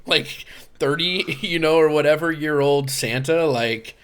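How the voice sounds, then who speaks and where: A man's voice: fairly high pitch, clean tone. A man co-hosting a podcast in casual chat, talking loosely and filling his sentences with "like". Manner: chatty, full of "like" and quick interjections. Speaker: podcast co-host.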